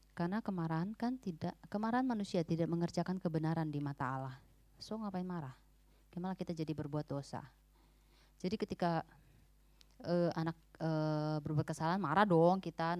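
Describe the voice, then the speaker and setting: A woman with a fairly low voice teaches in an animated, emphatic way, dropping English words into her informal talk. Her voice sounds close and dry, with no room echo. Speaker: speaker at a church parenting talk.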